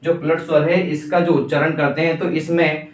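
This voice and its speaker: A man's voice: a little high, little pitch movement, fairly quick, far from the mic. A man teaching a grammar lesson for exam prep, asking the class questions and answering them himself. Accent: Indian Hindi. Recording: echoey room, voice from off-mic.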